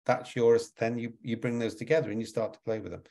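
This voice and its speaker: A man's voice: medium pitch, steady tone, fast, mellow. A man answering audience questions in a webinar, explaining with repeated words and frequent "right?" tags.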